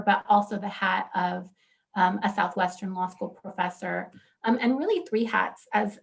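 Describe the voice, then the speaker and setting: A woman in her thirties presenting as a law professor on a conference panel, earnest and animated, with frequent fillers. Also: medium pitch, gravelly.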